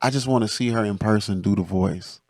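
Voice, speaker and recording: A man hosting a casual podcast, telling stories in an animated, slangy way. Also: fairly low pitch, brisk, dry recording, clean studio sound. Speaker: podcast host. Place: studio.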